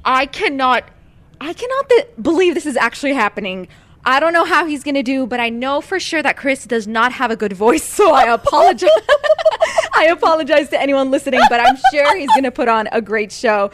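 A woman presenting on the radio and chatting with co-hosts, excited and apologetic. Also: sits high, brisk, dry recording. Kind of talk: radio banter and on-air presenting.

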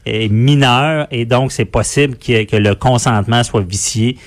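A man with a Quebec French accent explains legal rules as an interview guest. His delivery is patient but halting, and he often stumbles and repeats words. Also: medium pitch, steady tone. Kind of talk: explaining law on air.

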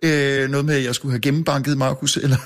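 A man's voice: mid-range voice, little pitch movement. A man who works as a newspaper editor, a guest telling a story in casual chat, full of restarts and fillers and chuckling at himself. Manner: halting, many restarts and fillers.

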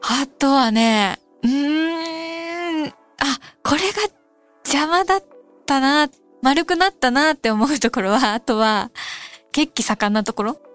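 A young woman from Kansai hosts a radio programme, reading out listener letters and then thinking aloud in a loose, unhurried way. Her voice sits a little high. Faint music plays softly behind her. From Kansai, Japan. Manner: relaxed, musing, thinks aloud. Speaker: radio host. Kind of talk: casual radio talk reading listener mail. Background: soft background music.

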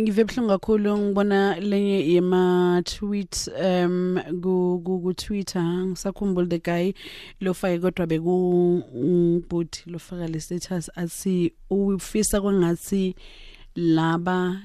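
A young South African man hosts talk radio in a conversational way. His voice sits slightly high for a man and sounds close and dry. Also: flat delivery, a little slow, mellow, clean tone, no room sound. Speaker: radio host.

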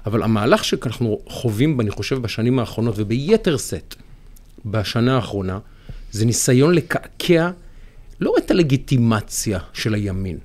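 A man, a journalist co-hosting a casual political chat and acting out the people he quotes. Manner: animated, acts out quoted people with big pitch jumps. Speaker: podcast co-host, journalist.

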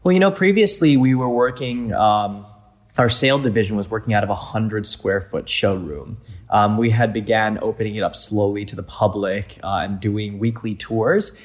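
A man's voice: lowish voice, moderate pace. A young man from Thailand, a museum founder, answering interview questions earnestly with frequent fillers.

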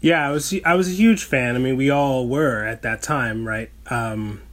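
A man's voice: medium pitch, normal speed, fairly bright tone. A man in his forties from Canada, a guest on a podcast interview. He answers thoughtfully in a mid-range voice. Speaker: guest rapper.

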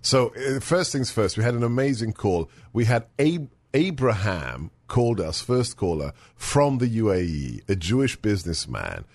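Animated sarcastic male talk radio host. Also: on the low side, normal speed, hardly any pauses, dry recording. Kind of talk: political talk radio chat.

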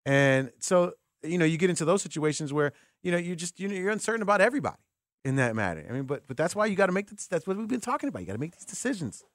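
Racing through his opinionated sports commentary, a call-in radio host with a slightly high, highly animated voice muses aloud and throws out rhetorical questions. The sound is studio quality without echo, captured on a close mic in the radio studio.

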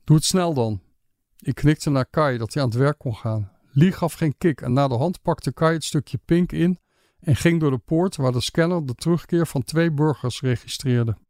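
A man narrating an audiobook in a calm, measured, matter-of-fact way. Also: on the high side, dry recording, clean studio sound.

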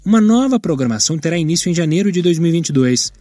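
A man reading entertainment news bulletins in a steady, measured way. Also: a little high, no room sound. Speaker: news presenter.

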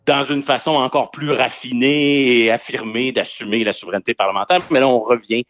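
A man's voice: medium pitch, fairly even intonation, brisk, a bit bright, a little hiss or hum. A man with a Quebec French accent giving conversational legal analysis on the radio, explaining point by point. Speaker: legal commentator, regular columnist.

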